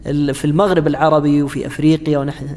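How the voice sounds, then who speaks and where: A man teaching a class on Quranic interpretation, pausing often with fillers and restarts and asking his students questions. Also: a little high, flat delivery, a little mellow, in a large hall. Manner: halting, frequent fillers and restarts, chats with students. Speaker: Islamic studies lecturer.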